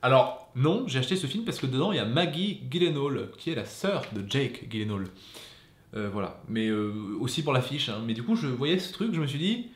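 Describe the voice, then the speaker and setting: A man's voice: medium pitch, big pitch swings, fairly quick. Hesitant man in an echoey room. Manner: hesitant, many fillers and restarts. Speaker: film collector vlogger. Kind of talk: casual chat.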